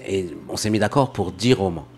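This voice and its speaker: A man's voice: deep voice, moderate pace, a little mellow, faint music behind. A man from Morocco, a guest in an interview, talking casually and often repeating words as he searches for phrasing.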